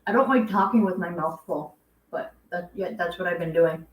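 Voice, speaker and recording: A woman's voice: lowish voice, normal speed. A young adult woman hosting a casual home livestream, rambling as she reads viewer comments aloud. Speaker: guinea pig channel host. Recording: echoey room.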